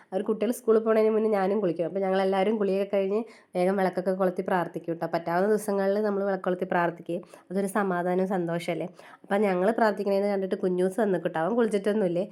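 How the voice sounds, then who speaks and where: A woman in her thirties with a Malayali accent, chatting homely and warmly about her family's school-day morning as a vlog voice-over. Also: mid-range voice. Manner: chatty, homely, often ending lines with a tag. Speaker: family vlogger, mother. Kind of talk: casual voice-over narration.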